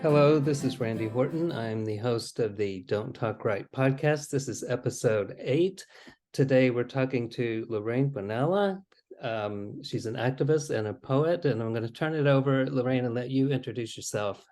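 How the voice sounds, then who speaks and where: A man's voice: mid-range voice, normal speed, a little mellow, soft background music. A man hosting an interview podcast, introducing his guest and asking questions with some hesitation. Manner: hesitant, with fillers and restarts. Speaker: podcast host.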